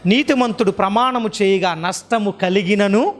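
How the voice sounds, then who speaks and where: A man's voice: sits high, moderate pace. A male preacher giving a sermon to a congregation in a church, firing repeated rhetorical questions and urging the listeners to answer aloud. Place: church hall.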